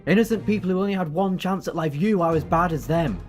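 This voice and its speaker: A man's voice: fairly high pitch, quick pace, soft background music, natural voice. A man acting as a glib, righteous time-travelling adventurer in an audio drama, with a theatrical, bantering manner. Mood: grave, firm.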